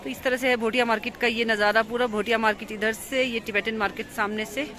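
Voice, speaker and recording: A woman's voice: on the high side, steady tone, quick pace. A woman with an Indian accent, chatting casually to viewers as she vlogs through a market street, filming on her phone without a mic. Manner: chatty, repeats herself, points things out to viewers. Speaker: vlogger. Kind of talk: casual vlog narration. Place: outdoors in a busy market street. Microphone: phone camera without external mic. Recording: crowded outdoor street noise. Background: crowd and passing vehicles.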